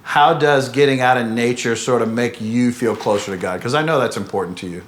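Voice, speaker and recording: A man's voice: mid-range voice, a little fast. A man hosting a casual interview, chatty and joking as he asks questions. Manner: joking, conversational, asks follow-ups. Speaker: host.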